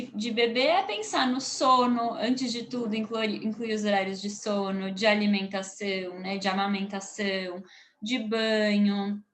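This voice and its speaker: A woman's voice: mid-range voice, fairly bright tone. A woman with a Brazilian Portuguese accent, a consultant who works with families, explaining baby routines in a casual talk to camera, often ending with a tag question and restarting as she thinks aloud.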